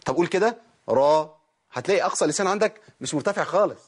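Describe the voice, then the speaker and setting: An Egyptian Arabic-accented man leads a broadcast recitation lesson, worn out but talking quickly. His voice is husky and sits a little high, and he breaks his explanations down step by step, demonstrating sounds and quizzing his listeners. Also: lively intonation. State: tired. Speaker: Quran recitation teacher. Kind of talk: televised tajweed lesson.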